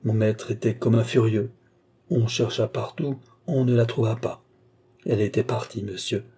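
A man's voice: fairly low pitch, steady tone, moderate pace, warm tone, husky. A man reading as a curt old housekeeper woman. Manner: short, dry replies.

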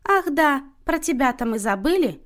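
A woman voicing a pushy, loud middle-aged mother who talks in a bossy, shrill manner. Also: lively intonation, moderate pace. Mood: indignant.

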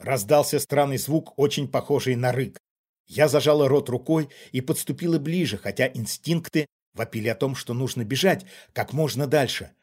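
Husky male audiobook narrator. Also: medium pitch, moderate pace. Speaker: audiobook reader. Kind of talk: scripted first-person narration.

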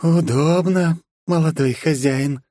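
A man voicing a creepy female servant who speaks in a hollow, deadpan manner. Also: a little high, slow pace, no echo, clean studio sound, voice pushed up. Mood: eerie. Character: eerie female servant with a sepulchral voice.

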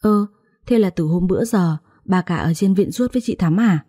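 A woman voicing a calm, inquisitive young wife in a family drama story. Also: fairly low pitch, moderate pace, slightly rough.

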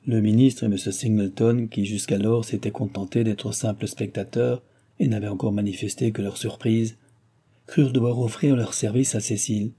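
A man reading a classic novel aloud in a steady, measured narration. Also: lowish voice, breathy edge. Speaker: audiobook reader.

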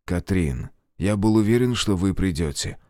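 A man voicing a courteous, demonic gentleman who speaks slowly and solemnly in an audiobook. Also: deep voice, animated, dry recording, clean studio sound. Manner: slow and solemn. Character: suave demonic male seducer, courteous and solemn.

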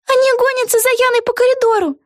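A woman voicing an excitable young girl witch in a storybook, with a very high, squeaky voice and breathless exclamations. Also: fast, dry recording, studio quality. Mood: excited.

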